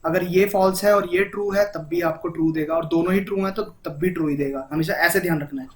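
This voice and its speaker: This casual Hindi coding tutorial comes from a man with an Indian accent who talks chattily, repeatedly checks in with "ठीक है?", and blends English terms into his Hindi. His high voice holds a steady tone and moves a little fast.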